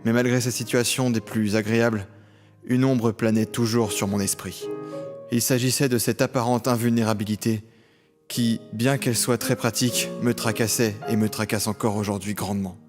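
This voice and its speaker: Over background music, an actor with a fairly low, steady voice close to everyday speech plays a tormented criminal recounting his own story in an audio drama. He speaks at a moderate pace, solemn, literary and brooding, across scripted narration and dialogue.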